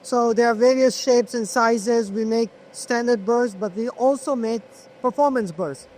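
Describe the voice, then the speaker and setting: Male company representative in an interview, high voice, hesitant product explanations, recorded on location with audible noise. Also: unhurried, a little mellow, poor audio. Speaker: manufacturer representative being interviewed. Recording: clear ambient noise on location.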